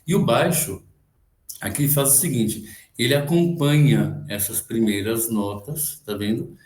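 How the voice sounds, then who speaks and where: A man's voice: mid-range voice, unhurried, darkish tone, roomy sound. A man teaches Byzantine chant on a video call, explaining and tagging his points with frequent questions, now and then chanting a short phrase. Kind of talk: online music lecture with sung examples.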